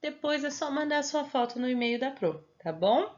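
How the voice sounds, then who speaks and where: A woman's voice: high voice, animated, normal speed, a little mellow, highs cut off. A Brazilian Portuguese-accented woman teacher patiently explaining homework step by step to young children, often checking they follow. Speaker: primary school teacher.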